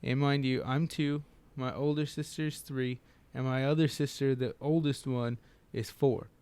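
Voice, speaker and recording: A man co-hosting a casual chat, who cuts in with quick questions and tells his own story in an easygoing way. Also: medium pitch, fairly even intonation, a little mellow, clean tone. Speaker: podcast co-host.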